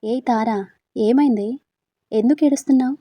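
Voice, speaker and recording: A woman's voice: on the high side, fast talker, dry recording, highs cut off, lightly acted. A woman reading nosy, teasing hostel girlfriends. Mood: curious, teasing. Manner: prying, teasing questions. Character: chatty young women hostel friends, teasing and curious.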